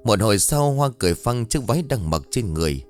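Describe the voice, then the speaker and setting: A man narrating a dark story in a dramatic, lively storytelling manner. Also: lowish voice, brisk, faint music behind.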